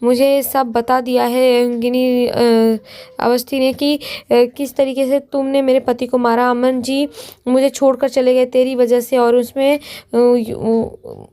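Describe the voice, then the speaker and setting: A woman walks through the plot of a TV serial episode in a casual, unscripted way. Her voice sits high but barely moves in pitch, with a dark, mellow tone. She stumbles and restarts often and reads every character's line in her own plain voice. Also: flat delivery, slow pace, smooth. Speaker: TV serial recap narrator. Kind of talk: casual spoken plot recap.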